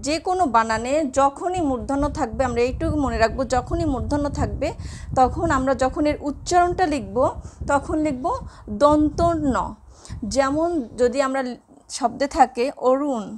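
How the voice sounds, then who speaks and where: Woman teacher, high voice, patient and repetitive, light background hiss. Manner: slow, repeats examples for students. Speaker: Bengali teacher. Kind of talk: classroom lesson on pronunciation.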